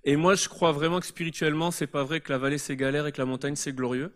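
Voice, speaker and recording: A man answers questions as a guest author during a church service. His voice is on the higher side for a man, and he explains his thoughts earnestly and reflectively in front of the congregation. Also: little pitch movement, fast talker. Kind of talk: live church interview.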